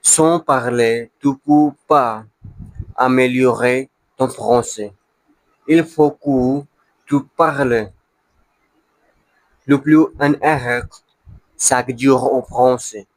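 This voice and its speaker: A man who is a beginner learner, speaking broken French with a non-native accent in a casual monologue, halting to search for words and repeating them. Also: medium pitch, fairly even intonation, no room sound, low-quality recording. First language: not French, a beginner learner of French. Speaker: language learner.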